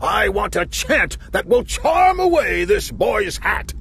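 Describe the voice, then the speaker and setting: A man voicing a fretful, imperious storybook king who speaks in high, shrill exclamations. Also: big pitch swings, takes it slowly, a bit bright, a little hiss or hum, exaggerated voice. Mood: commanding.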